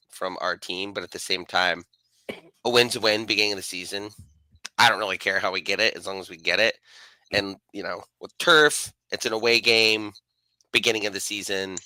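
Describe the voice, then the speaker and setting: A man co-hosting a podcast, chatting casually about soccer and thinking out loud. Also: fairly low pitch, no echo, low-quality recording. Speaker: podcast co-host. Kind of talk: casual sports chat.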